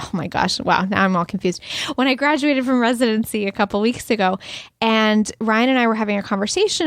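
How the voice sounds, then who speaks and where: A woman's voice: mid-range voice, no room sound, clean studio sound. A woman in her thirties co-hosting a podcast, talking in a chatty, reflective way and laughing often. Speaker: podcast co-host. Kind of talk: casual podcast chat.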